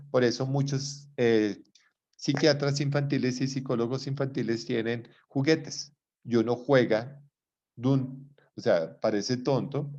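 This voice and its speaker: A middle-aged man lectures over a video call, his voice at an ordinary middle pitch. He explains patiently and keeps checking that his listeners follow. The audio comes through slightly dull and muffled. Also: darkish tone. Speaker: lecturer in psychology. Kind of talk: online lecture.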